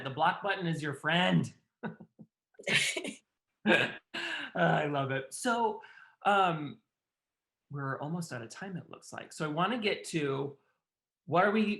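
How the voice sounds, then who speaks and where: A man's voice: a little high, echoey room. A man hosting an interview over a video call, effusive and full of praise for his guest. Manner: effusive, warmly enthusiastic praise. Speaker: host interviewer.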